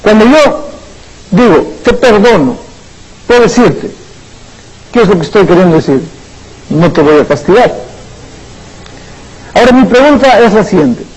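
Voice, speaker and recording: High-voiced husky male preacher. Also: a little mellow, poor audio. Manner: asks questions and answers them himself; acts out short dialogues with a dropped voice. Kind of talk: sermon.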